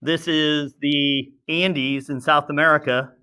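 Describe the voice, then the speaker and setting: Fairly high yet steady, this man's voice is slow, sharp, and smooth. He teaches science casually in a classroom, drawing while he explains and questioning the students in a chatty way, talking to himself over his sketches.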